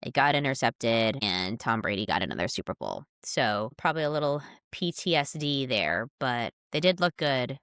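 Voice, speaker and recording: Low, smooth-voiced woman with a stuffy nose. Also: moderate pace, few pauses, dry recording, clean studio sound. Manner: chatty, animated storytelling. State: nasal from a cold. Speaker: podcast co-host. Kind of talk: casual sports chat.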